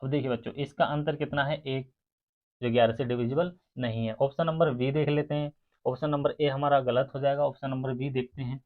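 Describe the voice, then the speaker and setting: This exam-prep maths teacher talks a little fast, his medium-pitched voice fairly even. He speaks directly to students, breaking problems into steps and counting sums aloud, all captured in narrow, muffled, phone-like sound.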